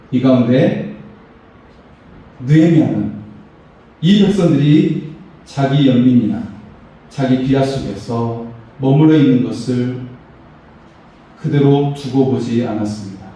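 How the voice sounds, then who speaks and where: A man's voice: mid-range voice, warm tone. A pastor, a man, preaching a sermon with emphatic, rising phrases. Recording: echoey hall, voice far from mic.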